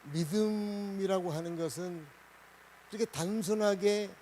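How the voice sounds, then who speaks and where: A man preaching a Sunday sermon as pastor, asking the congregation questions and swinging between loud and soft. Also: high-pitched, a little slow, a little hiss or hum, poor audio.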